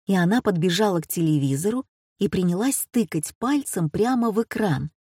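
Husky woman reading an audiobook. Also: fairly low pitch, no echo, studio quality. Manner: measured, even storytelling. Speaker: narrator. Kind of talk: scripted audiobook narration.

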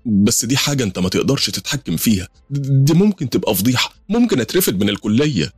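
A man's voice: medium pitch, very animated, fast talker, slightly rough, no echo, clean studio sound, faint music behind, pitched above the performer's own voice. A man voicing an anxious young wife. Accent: Egyptian Arabic. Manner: worried, pleading.

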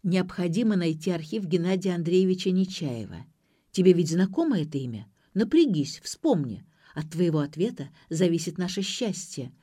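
A man's voice: high-pitched, big pitch swings, normal speed, mellow. A woman reading aloud voices a young man who tenderly and persuasively coaxes his girlfriend. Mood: insistent. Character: smooth-talking young man coaxing a girlfriend.

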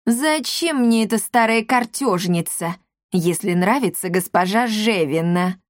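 A woman's voice: mid-range voice, lively intonation, normal speed, no room sound, lightly acted. Woman as a cranky old male iguana chemist, grumbling, dry sound. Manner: grumbling, irritable.

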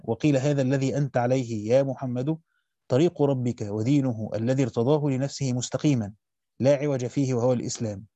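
Egyptian man, teacher, reads a classical text aloud at a quick clip, dark, mellow tone, self-corrects on the fly. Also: medium pitch, no room sound. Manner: rapid reading with quick self-corrections and colloquial asides. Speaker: teacher reading a Quran commentary aloud. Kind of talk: fast read-through of a classical text with brief asides.

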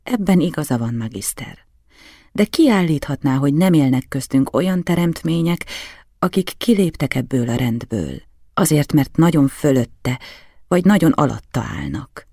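A man's voice: on the high side, sing-song, vocal fry, dark tone, dry recording, studio quality, heavily acted. A man voicing a solemn precocious boy. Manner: earnest, solemn, oddly old-sounding. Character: grave, precocious ten-year-old boy. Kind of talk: audiobook character reading.

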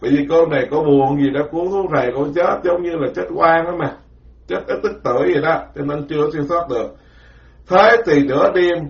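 A Buddhist monk gives a homespun dharma talk, slipping into other voices as he tells stories. His voice sits a little high for a man. The recording is roomy and dull, like an old lo-fi tape. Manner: folksy, colloquial, acts out voices in anecdotes. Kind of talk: dharma lecture with storytelling.

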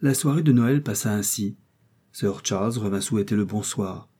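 Male audiobook narrator, deep-ish mellow tone with some breathiness, storytelling read. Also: moderate pace, slightly rough. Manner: reads aloud, voicing each character in dialogue. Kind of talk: scripted narration of a classic novel.

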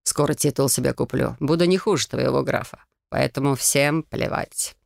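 A man's voice: mid-range voice, normal speed, gravelly, dry recording, studio quality. A narrator voicing a brash, smug young man who boasts of his strength and money, in an audiobook. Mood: boastful. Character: brash, cocky, smug young male suitor. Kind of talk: audiobook character voice.

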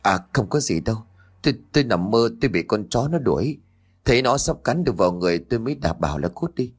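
A man's voice: mid-range voice, animated, fast, breathy edge. A man voicing a frightened, blustering middle-aged husband who stammers in a fluster.

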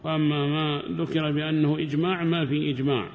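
A man's voice: fast, highs cut off, a little hiss or hum. A man, an Islamic scholar, explaining a classical text in a classroom lesson, lifting his voice when he reads quotations aloud. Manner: explains calmly, rises in pitch when reading quoted text aloud. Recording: long reverb of a large hall.

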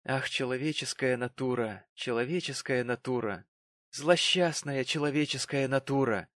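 A man's voice: medium pitch, normal speed, no echo, natural voice. A man reading the part of a pompous, self-pitying middle-aged father with a sanctimonious manner in a storybook reading. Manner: sanctimonious, turning to angry shouting.

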